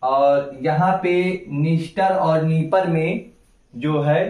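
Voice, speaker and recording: A man teaching an exam-prep geography lesson, going slowly over names on a map and asking his students to repeat them back. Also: fairly high pitch, a little mellow. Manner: slow, repeats names and quizzes the class. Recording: echoey room, voice from far off.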